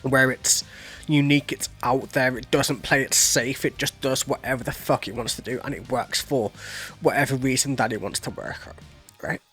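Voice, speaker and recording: A man's voice: medium pitch, steady tone, moderate pace, a bit bright. A man hosting a music reaction channel, chatting loosely and profanely about lyrics, full of "like" and "you know". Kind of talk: casual reaction commentary, explaining lyrics.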